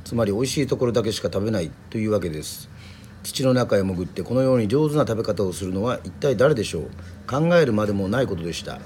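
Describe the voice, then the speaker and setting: A man from Yoron Island, a musician and podcast host, reading a children's story aloud in a steady storytelling manner. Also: fairly low pitch, slight background noise. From Yoron Island, Japan. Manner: steady storytelling with casual asides.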